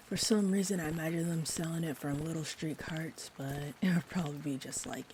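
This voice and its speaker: A woman with a low-pitched voice plays a sweet, friendly, rambling vampire bartender who looks twenty-four, speaking over a steady, faint bed of rain. Her soft, intimate comfort monologue is gentle and a little hesitant, drifting into whimsical tangents with a dreamy, playful mood. The background is noisy.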